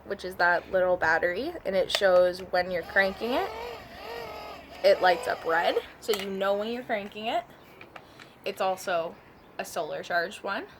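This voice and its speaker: A product reviewer with a medium-pitched voice gives an informal, chatty hands-on demo, correcting herself along the way. The background is noisy.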